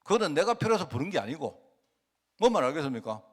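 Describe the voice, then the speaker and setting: A middle-aged man preaching a sermon, often asking the congregation rhetorical questions, swinging between loud and soft. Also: fairly high pitch, big pitch swings, quick pace. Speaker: pastor.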